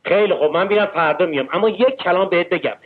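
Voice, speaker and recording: A pushy, quarrelsome schemer. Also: male voice, high-pitched. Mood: scolding. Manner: quarrelsome, scolding. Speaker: businessman pressing the bank manager. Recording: tinny old film soundtrack with music.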